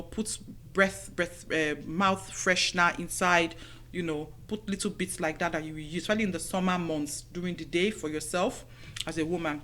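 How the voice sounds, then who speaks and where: A middle-aged woman talks warmly and conversationally into a studio microphone, offering everyday advice in a chatty, motherly way. She drifts through her points with frequent "you know" asides, sounding like a friendly radio host chatting with her listeners. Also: fairly low pitch. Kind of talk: casual advice talk to women listeners.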